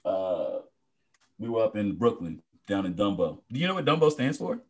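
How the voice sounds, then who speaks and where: An animated man co-hosting a podcast, his pitch jumping around as he spins a story. He talks in casual slang and keeps breaking into laughter. It is a relaxed chat between friends. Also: moderate pace. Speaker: podcast co-host.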